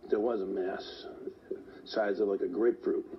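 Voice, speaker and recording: A man's voice: on the low side, fairly even intonation, moderate pace. A man, out of breath, telling his own story in an interview with lots of "like" fillers. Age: 40s. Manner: rambling, fillers like "like". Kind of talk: personal account in an interview. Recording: dull lo-fi sound, faint hiss.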